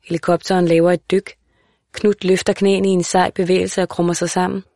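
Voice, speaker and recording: A woman reads a literary audiobook in a calm, measured voice that sits a little low. The sound is dry and close, with no room around it. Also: no room sound. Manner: calm, measured, even reading. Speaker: audiobook narrator. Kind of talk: scripted literary narration.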